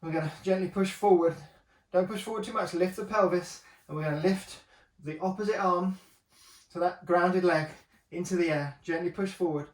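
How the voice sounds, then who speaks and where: Coaching a home workout, this trainer pants between moves yet keeps up upbeat encouragement and dry humor for his viewers. He sounds a little high-pitched and distant from the mic, the room echoing around him, and he speaks at a moderate pace with fairly level intonation.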